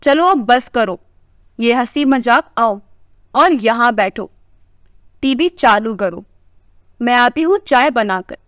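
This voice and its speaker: A tart, scolding older wife who nags her husband out of care, told as a storybook tale, with a woman reader putting her on. The voice is high, smooth and clear. It is recorded close and dry. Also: lively intonation, takes it slowly, long pauses, a bit bright, no room sound. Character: sharp-tongued older wife, caring underneath.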